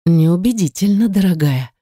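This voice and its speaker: A woman's voice: lowish voice, lively intonation, normal speed, dark tone, slightly rough, no room sound, clean studio sound. A woman voicing a teasing, self-assured male lover. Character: commanding, teasing man, a dominant lover.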